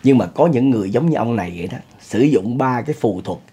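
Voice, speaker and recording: A man's voice: medium pitch, animated, quick pace, dark tone, breathy edge. A middle-aged man with a Southern Vietnamese accent, hosting and telling a spoken ghost story in a chatty way, talking to his listeners. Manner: chatty, addresses listeners, chuckles often. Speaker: storyteller host.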